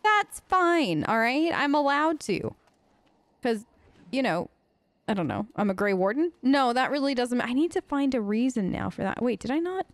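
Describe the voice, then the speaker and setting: A let's play host role-plays her game character, keeping up casual in-character commentary and musing aloud as she goes. Her voice is a little high and very animated, at a normal speed, with no echo.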